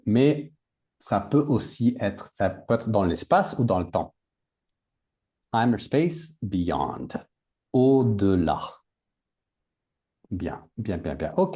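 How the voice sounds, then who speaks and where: A man's voice: fairly low pitch, warm tone. A man teaching a language class, patiently repeating words and adding English glosses for his students. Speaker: French teacher.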